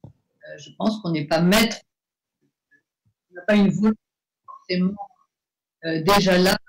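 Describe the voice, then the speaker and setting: A woman author on a literary panel, talking haltingly and repeating words. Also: fairly low pitch, rough recording. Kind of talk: panel discussion.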